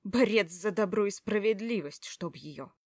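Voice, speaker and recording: A woman's voice: mid-range voice, a little slow, darkish tone, no room sound, natural voice. A woman reads a hot-tempered, protective man telling his own story in an audiobook. The delivery is brusque, with curses muttered under the breath. The sound is dry and close. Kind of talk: first-person audiobook narration.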